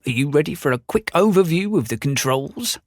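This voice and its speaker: A man's voice: a little high, expressive, a little fast, dry recording, clean studio sound, voice pushed up. A man voicing a kindly, forgetful old male inventor in an audiobook, explaining things patiently. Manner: patient, instructive. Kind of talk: audiobook character voice.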